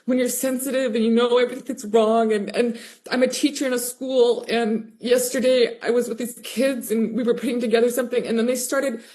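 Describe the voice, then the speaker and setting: A woman's voice: fairly high pitch, steady tone, brisk, few pauses, mellow. A woman teacher on a video call, talking in a rambling, raw and heartfelt way. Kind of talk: emotional casual chat.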